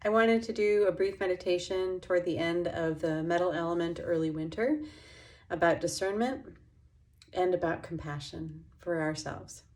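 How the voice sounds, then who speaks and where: A woman teaches a guided meditation, offering gentle, unhurried instructions broken by pauses. Her voice is fairly low with a steady tone.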